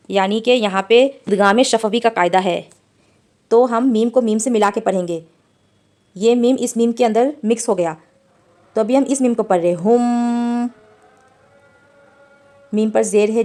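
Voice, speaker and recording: A woman teaching a Quran recitation class, patiently explaining each mark and then slowly modeling the sounds. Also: mid-range voice, a little mellow. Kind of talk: step-by-step recitation lesson.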